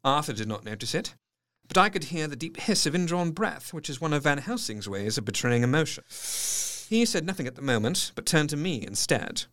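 An actor playing an earnest, observant male doctor narrating his diary in an audio drama, articulate and measured. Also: on the high side, very animated, a bit bright. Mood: grave, observant. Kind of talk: scripted first-person narration, audio drama.

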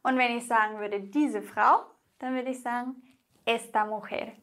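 A woman teaching Spanish grammar, explaining slowly and carefully and speaking directly to the viewer. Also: on the high side, fairly even intonation, fairly bright tone. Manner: slow, careful explanations with drawn-out example words.

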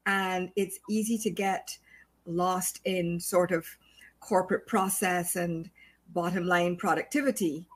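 A woman from Barbados speaking as a panel guest, measured and reflective. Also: on the low side, steady tone. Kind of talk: casual panel discussion.

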